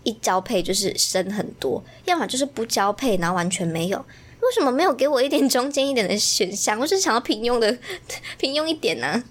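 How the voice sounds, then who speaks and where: A young woman in her twenties telling a story in casual chat, lively and laughing often, acting out the voices of the people she quotes. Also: a little high, brisk.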